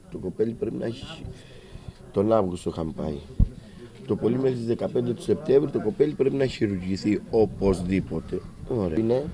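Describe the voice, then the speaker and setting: A man's voice: fairly low pitch, creaky, noisy background. A man with a Cretan accent, a father recounting his story to a reporter in an agitated way and acting out the conversations he had. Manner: agitated, acts out dialogue with rising intensity. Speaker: father of a patient.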